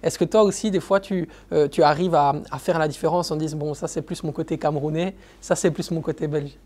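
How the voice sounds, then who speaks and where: A man's voice: fairly high pitch, steady tone, brisk, a little mellow. Male interviewer asking long, rambling questions.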